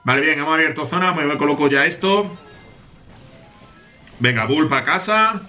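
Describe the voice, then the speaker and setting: Hyped young Spanish gamer, bright voice. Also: male voice, a little high, faint music behind. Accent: Spain Spanish. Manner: hyped, boastful, slangy, repeats words rapidly. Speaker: gaming youtuber. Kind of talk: excited gameplay commentary.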